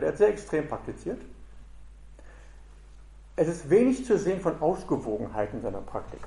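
A man's voice: a little high, dark tone. Man, Buddhist teacher, reflective dharma talk, checks in with listeners, roomy echo. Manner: reflective, often checks in with a questioning "ja?".

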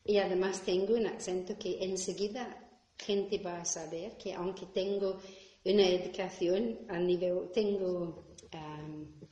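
A Buddhist teacher from Glasgow, Scotland, a native English speaker, gives a reflective dharma talk in her second language, using tag questions to check in and sometimes searching for words. Her fairly low voice is steady, mellow and a little slow. The recording sounds roomy and dull.

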